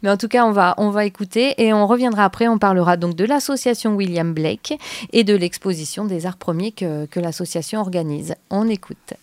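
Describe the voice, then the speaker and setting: A woman hosting a local radio interview, courteous and measured, pausing often with small hesitations. Her voice is recorded close and dry at a studio mic. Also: medium pitch, a little mellow, no echo. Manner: polite, hesitant with frequent "euh" fillers. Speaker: radio show host.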